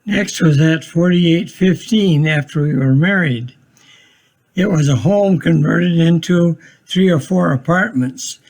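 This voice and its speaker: A man's voice: fairly high pitch, takes it slowly, a little mellow. A man in his eighties from Minnesota, casually narrating a family home video in a plainspoken, matter-of-fact way with dry humor. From Minnesota, USA. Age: 80s.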